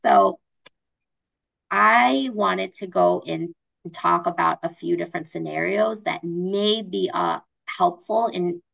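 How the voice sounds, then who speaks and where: A woman's voice: on the low side, creaky, fairly bright tone, lo-fi sound. A woman presenting an online wellbeing workshop, chatty and acting out example voices.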